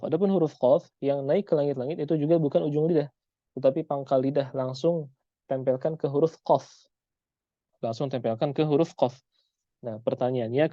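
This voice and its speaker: A man teaching Quran recitation in an online lesson, patiently repeating example sounds slowly. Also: on the high side, mellow, dry recording, dull audio.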